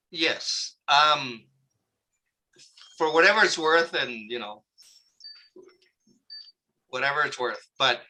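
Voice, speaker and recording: A man, a guest telling lively stories in a casual interview and acting out the people he quotes. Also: mid-range voice, rough recording. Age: 60s. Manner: animated anecdote-telling, acts out quoted people.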